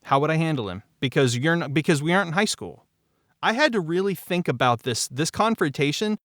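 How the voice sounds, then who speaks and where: Slightly high and a bit bright, this man's expressive voice moves a little fast as he, an audio drama creator in his forties, tells candid, emphatic behind-the-scenes stories full of repeated phrases for emphasis. The studio recording is clean, with no room sound.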